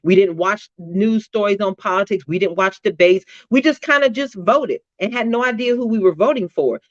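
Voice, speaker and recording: A woman's voice: mid-range voice, no room sound. Opinionated woman co-host, dry dull audio. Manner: deliberate, opinionated, builds arguments. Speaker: podcast co-host. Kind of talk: casual political discussion.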